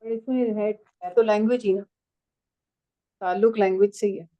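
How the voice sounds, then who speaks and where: A woman's voice: mid-range voice, steady tone, moderate pace, muffled recording. A woman teaching a writing and language class, explaining step by step and checking that her students follow.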